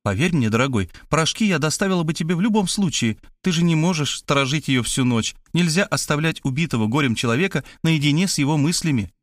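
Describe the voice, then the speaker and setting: A male reader voicing a bossy, scheming woman who gives brisk, imperious orders. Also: high voice, big pitch swings, dry recording, clean studio sound, pitched above the performer's own voice. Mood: commanding.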